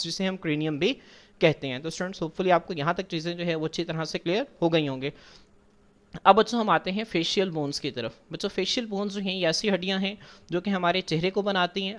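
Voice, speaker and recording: A man's voice: high voice, a bit bright. A man teaching biology over slides, patiently repeating points, asking and answering his own questions, and mixing in English terms. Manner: patient, repeats points, addresses students as children; mixes English science terms into speech. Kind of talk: classroom lecture over slides.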